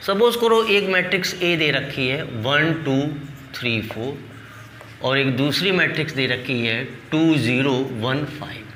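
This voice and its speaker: A man's voice: medium pitch, lively intonation, measured pace, noisy background. A man teaching a maths lesson at the board, asking the class questions and answering them himself, counting aloud and calling the students "beta". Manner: addresses students as "beta", coaxing. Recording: echoey hall, mic from a distance.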